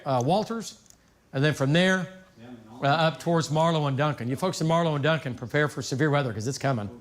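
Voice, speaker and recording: An American man anchoring live severe weather coverage off the cuff, folksy and emphatic, repeating phrases for stress. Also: on the high side. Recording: noticeable background noise.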